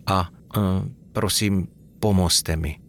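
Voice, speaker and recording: A man's voice: sits low, steady tone, a bit bright, a little hiss or hum. A man voicing a clumsy young male elf who jokes awkwardly and then apologizes sheepishly.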